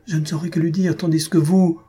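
A nervous young man pleads in a slightly raised, husky voice, as a male narrator plays him. He speaks hesitantly and earnestly. The tone is dark and breathy, read like an audiobook. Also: a little high, little pitch movement, brisk, voice pushed up.

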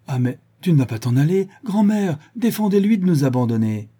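A teasing young granddaughter, as a male reader puts her on, her voice lifted well above his own. The tone stays mellow underneath and a little husky. She chatters quickly and playfully in a storybook reading. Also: mid-range voice, expressive, pitched above the performer's own voice.

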